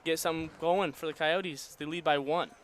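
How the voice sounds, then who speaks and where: Higher-voiced man doing baseball color commentary. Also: fairly even intonation, moderate pace. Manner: dry teasing humor. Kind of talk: live college baseball commentary.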